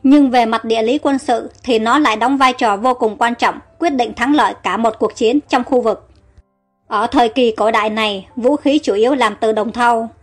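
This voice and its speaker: A woman narrating a storybook in a steady, explanatory way. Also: on the high side, moderate pace, soft background music.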